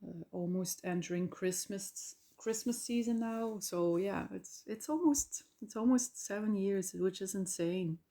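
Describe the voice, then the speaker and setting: A woman's voice: medium pitch, a little slow, few pauses, warm tone. A woman in her forties from the Flemish part of Belgium, speaking English with a Flemish Dutch accent as a podcast host, rambling and correcting herself with fillers. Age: 40s. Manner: rambling, self-correcting, with fillers and small laughs. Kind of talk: casual solo podcast monologue.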